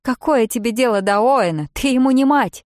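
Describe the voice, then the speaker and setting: A shrill, furious old grandmother, voiced by a woman reading the book, her accusations jumping high and loud. Her cries come out sharp and piercing in a dry, close recording. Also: expressive, normal speed, no room sound, close to an everyday voice. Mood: shrieking furious. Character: elderly grandmother, hysterical and shrieking with rage.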